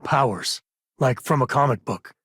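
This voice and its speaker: Sam Coe, husky easygoing space cowboy. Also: male voice, mid-range voice, normal speed, a bit bright, no echo, studio quality. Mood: casual. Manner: folksy, conversational, wry. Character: easygoing, warm-hearted frontier spacefarer, a devoted father. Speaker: video game companion character. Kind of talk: video game character dialogue.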